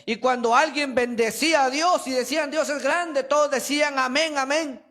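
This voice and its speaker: A man's voice: very high voice, fairly even intonation, normal speed, bright, forceful tone. A man preaching a sermon in a church with emphatic, rhetorical delivery, addressing listeners as brother.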